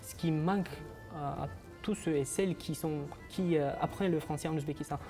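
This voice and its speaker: Soft music sits in the background as a young Uzbek man speaks a little fast in a warm, high-leaning voice. He is a master's student in his twenties, a morning-show guest answering in French, his second language, with an Uzbek accent and many hesitations and restarts.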